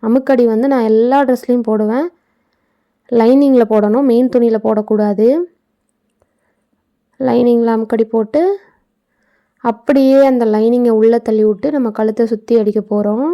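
A woman's voice: fairly high pitch, fairly even intonation, moderate pace, pauses often, dark tone. A woman giving a casual, explanatory voice-over for a sewing tutorial, with chatty asides. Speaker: tailoring channel host. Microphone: phone.

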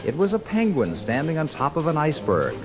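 A man narrating a children's storybook record in an animated storytelling manner. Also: a little high, brisk. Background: orchestral music.

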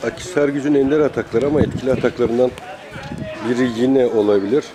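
At an outdoor amateur football match, a man commentates live play-by-play with clipped phrases and player names. His voice is medium in pitch and quick in pace. The noise of the outdoor crowd comes through the recording.

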